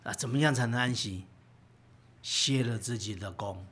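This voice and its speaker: Male pastor, bright forward tone, animated sermon delivery full of rhetorical questions. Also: mid-range voice, moderate pace, breathy edge. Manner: asks rhetorical questions and answers them himself; animated storytelling with sudden loud bursts.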